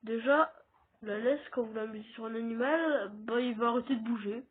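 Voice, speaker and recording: A man's voice: very high voice, moderate pace, a little hiss or hum. A man with a French accent giving casual let's-play commentary, chatting straight to his viewers as he plays. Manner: chatty, talks straight to viewers while playing. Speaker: gaming YouTuber. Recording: tinny phone-like audio.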